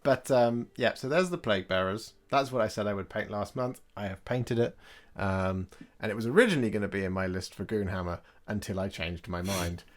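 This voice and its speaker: A man hosting a casual hobby chat, talking through his own work in a relaxed, joking way. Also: fairly low pitch, a little fast, hardly any pauses.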